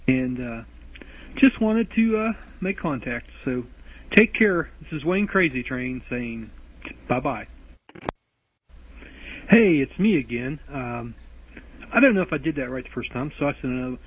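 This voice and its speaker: This caller's voicemail for a podcast rambles and circles, with frequent restarts and self-interruptions, plus nervous remarks about his lisp. He speaks unhurriedly with long pauses, a medium pitch, lively intonation and a breathy edge. Recorded by a phone voicemail system, it has a tinny phone-line sound.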